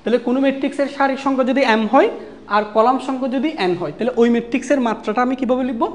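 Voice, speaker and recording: A woman with a Bangladeshi Bengali accent leads an online math lesson at a rapid clip, her voice sitting a little high. She poses questions to the class and answers them herself, checking again and again that everyone is following. She repeats the key terms as she dictates notes. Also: a little hiss or hum. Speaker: math teacher. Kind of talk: online math lecture for exam students.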